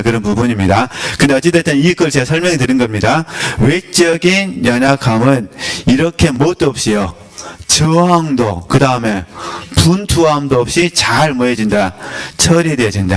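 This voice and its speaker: A man giving a casual, sermon-style teaching, conversational and often asking his listeners questions with a chuckle. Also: mid-range voice. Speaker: teacher of a spiritual academy.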